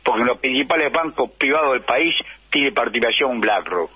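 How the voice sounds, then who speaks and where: A man with a Rioplatense Spanish accent, an economics commentator giving a steady explanation over a phone line into a radio show. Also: mid-range voice, a little fast, husky. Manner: steady explanatory delivery, listing names. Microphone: phone line into radio studio.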